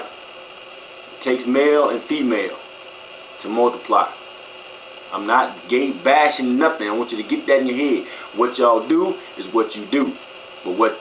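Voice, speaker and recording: A man's voice: medium pitch, muffled recording, slight background noise. Emphatic man preaching straight to camera. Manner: preachy, emphatic, repeats his points. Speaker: barber giving a personal message. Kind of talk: casual straight-to-camera talk.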